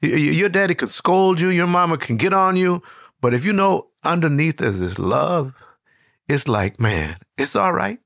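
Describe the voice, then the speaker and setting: An older man hosting an interview, telling stories in a lively, conversational way with frequent restarts. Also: fairly high pitch, normal speed, creaky, no echo, clean studio sound. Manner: warm storyteller, animated with many restarts. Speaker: host.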